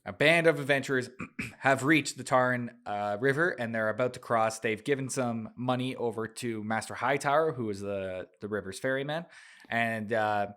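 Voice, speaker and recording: A young adult man hosting a casual book podcast, chatty and loose, laughing often, his throat dry so he keeps clearing it. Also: medium pitch, moderate pace, fairly bright tone. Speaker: podcast host.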